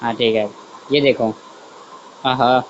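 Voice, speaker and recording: A man's voice: mid-range voice, steady tone, measured pace, dull audio, a little hiss or hum. A man teaching a class in a chatty way, thinking aloud, often saying okay, and checking that students follow. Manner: chatty, repeats "theek hai" often, thinks aloud while drawing; self-correcting, asks students if they understood. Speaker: science teacher. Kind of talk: online class lesson.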